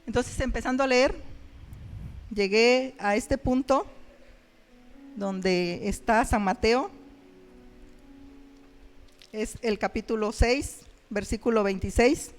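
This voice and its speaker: A woman giving a personal testimony in church, telling her story earnestly and haltingly with many fillers. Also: on the high side, soft background music. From Mexico.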